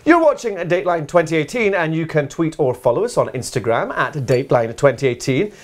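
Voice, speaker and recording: A man's voice: a little high, animated, brisk, natural voice. A man playing a pompous mock-serious news anchor. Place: TV news studio.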